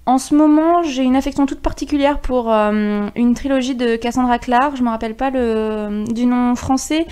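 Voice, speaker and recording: A woman's voice: on the high side, moderate pace, darkish tone, smooth. A woman with a French accent co-hosting a book podcast, talking casually with frequent hesitations. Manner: hesitant, many fillers. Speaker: podcast co-host.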